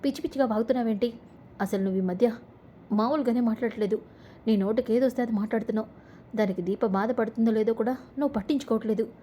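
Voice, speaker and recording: Give me a woman doing a firm young family man with a dark, mellow voice. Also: on the high side, fast, slight background noise, close to an everyday voice. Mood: angry. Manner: sharp scolding toward his mother.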